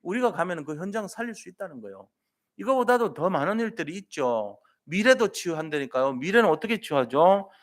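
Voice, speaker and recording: A man preaching a Sunday sermon in a church sanctuary, retelling scripture stories in plain everyday speech. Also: on the high side. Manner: colloquial storytelling, retells scripture scenes in lively everyday speech. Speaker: pastor.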